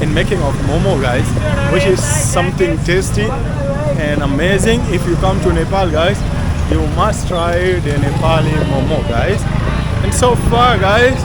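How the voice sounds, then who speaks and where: Brief: high-voiced male travel vlogger from South Sudan, chatty, loud traffic behind. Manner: chatty, keeps addressing viewers as guys. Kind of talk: casual travel vlog. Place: busy street outdoors. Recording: loud street traffic noise.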